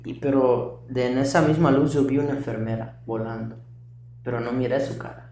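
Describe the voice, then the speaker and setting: A man's voice: medium pitch, fairly even intonation, moderate pace, warm tone. A young man giving an earnest personal testimony, recounting events vividly with repetition. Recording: distant echoey room mic.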